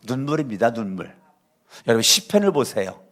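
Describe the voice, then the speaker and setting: A man preaching a sermon as pastor, having the congregation repeat lines after him, moving between loud exhortation and soft asides. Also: medium pitch, sing-song, a little fast.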